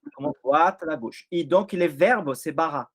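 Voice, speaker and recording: A man's voice: fairly high pitch, moderate pace, breathy edge. A man with a non-native accent leading an informal Bible study, explaining step by step and often checking that his listeners follow.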